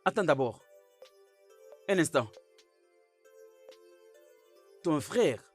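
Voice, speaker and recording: A man's voice: fairly high pitch, big pitch swings, unhurried, soft background music. A boastful rich old man. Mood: generous. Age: older. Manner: blustering, then soft and pleading. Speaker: wealthy suitor. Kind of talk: French film dub.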